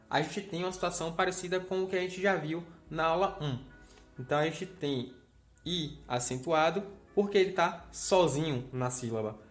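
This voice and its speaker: A man teaching a grammar lesson, explaining step by step and checking in with the viewer. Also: on the high side.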